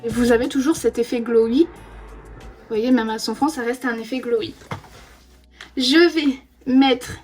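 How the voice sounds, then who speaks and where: A beauty vlogger in her twenties does a friend's makeup indoors, chatting casually and saying "hop" as each product goes on. Her voice is a little high and a little mellow, with fairly even intonation and a measured pace, and she pauses often. Soft music plays in the background.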